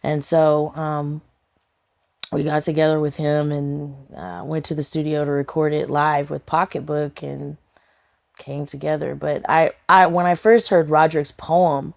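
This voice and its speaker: A woman singer and songwriter is interviewed in a relaxed podcast conversation. Her voice sits low and has a gravelly edge. She speaks earnestly from the heart, with lots of "you know" fillers and restarts. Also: measured pace.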